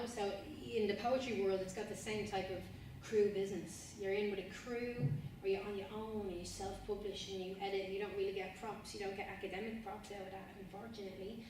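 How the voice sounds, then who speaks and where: A woman's voice: medium pitch, darkish tone. A young adult woman giving a casual talk as guest speaker, speaking conversationally with many fillers. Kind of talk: casual talk to a student group. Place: university room. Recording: echoey room, distant mic, background noise.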